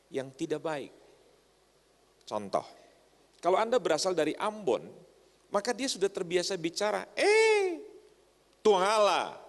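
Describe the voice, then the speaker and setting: Male preacher, comic sermon style, engages the congregation, recorded in a church hall with a long echo tail. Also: medium pitch. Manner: joking, often asks the crowd to agree.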